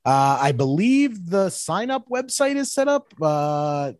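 A man's voice: sits high, very animated, takes it slowly, darkish tone, no echo, clean studio sound. A man co-hosting a casual podcast chat, laid-back, laughing often and filling his talk with "uh" and "like". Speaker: podcast co-host.

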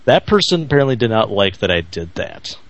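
A man's voice: fairly low pitch, sing-song, fairly quick, dry recording, muffled recording. A man hosting a casual podcast chat, chatty and reading listener emails aloud. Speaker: podcast host. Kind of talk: casual chat over a video call.

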